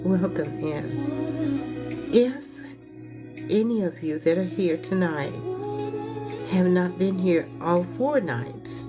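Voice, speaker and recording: Low-voiced, congested woman hosting a livestream. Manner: repeats phrases, coaxing the audience. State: congested, stuffy nose. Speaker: livestream host. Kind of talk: live-streamed motivational talk.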